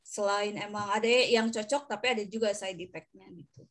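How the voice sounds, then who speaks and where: A woman's voice: mid-range voice, steady tone, brisk, fairly bright tone. A woman who works as a nurse, chatting casually on a podcast and telling rambling stories full of fillers. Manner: anecdotal, rambling storytelling with many fillers.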